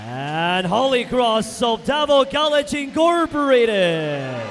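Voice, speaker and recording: A high, lively male voice with a Filipino accent calls out teams and referees over the PA in slow, stretched phrases. His words ring through a big indoor arena with long reverb, and music plays behind him. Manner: drawn-out booming announcements. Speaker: arena game announcer. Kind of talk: arena public address announcing. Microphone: PA microphone.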